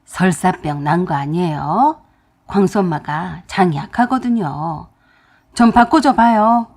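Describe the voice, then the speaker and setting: A woman's voice: fairly low pitch, unhurried, a little mellow, pitched below the performer's own voice. A woman voicing a callous middle-aged brother-in-law with an annoyed, dismissive tone in a story radio drama. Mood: irritated.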